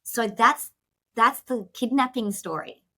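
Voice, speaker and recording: A woman's voice: on the high side, a little slow, sharp tone. A woman who is a podcast guest, telling a personal story in a rush, with many fillers and restarts, and emotional at moments.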